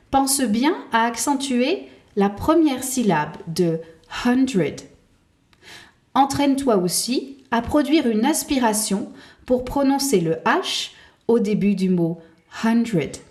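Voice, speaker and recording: Slow, very deliberate woman teaching English. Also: on the high side, a little mellow. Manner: slow and carefully enunciated, modelling words to repeat. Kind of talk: slow, deliberate language lesson.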